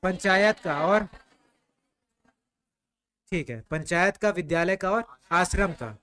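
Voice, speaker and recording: A man teaches a history class. His voice sits high and sounds clean and smooth. He fires off questions and answers them himself, with a casual, chatty flow. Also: takes it slowly, pushed and bright. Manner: quizzing students, answering his own questions; conversational, repeats "ठीक है" often.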